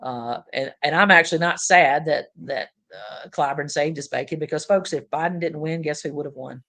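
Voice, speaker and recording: A man's voice: fairly high pitch, moderate pace, pushed and bright. A man hosting a political podcast, talking in a casual, opinionated way with many fillers.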